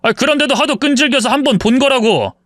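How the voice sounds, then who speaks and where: A man's voice: very high voice, fast talker, fairly bright tone, no room sound, studio quality. A man voicing an arrogant husband in his forties who mocks his wife and justifies his cheating. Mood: scornful. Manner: contemptuous, mocking, self-justifying. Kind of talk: dramatized story reading.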